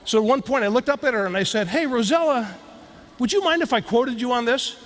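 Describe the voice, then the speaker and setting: A man's voice: very high-pitched, fairly quick. A man giving a keynote talk, telling a story and leading the audience in drills. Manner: animated, leads audience drills. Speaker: keynote speaker. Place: large hall before a live audience.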